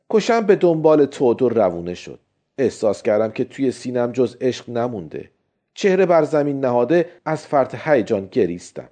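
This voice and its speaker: A man narrating a story as a dramatized audiobook, theatrical, swinging between loud outbursts and hushed asides. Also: medium pitch. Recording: narration with faint music behind. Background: faint music.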